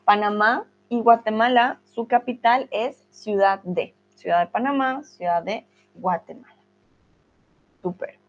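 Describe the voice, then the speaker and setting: A Colombian woman runs a live online class in a friendly, encouraging way. She speaks slowly and spells things out with care, at a mid pitch. The sound is dull and lo-fi, like a video call. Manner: friendly, encouraging, slow and clear. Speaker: teacher.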